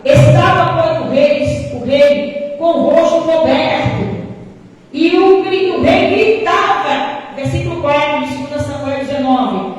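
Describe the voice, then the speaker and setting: A woman pastor, preaching a sermon in a sing-song, drawn-out style with frequent interjections. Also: high voice, recorded from a distance. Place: church hall. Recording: echoey church hall, mic from afar.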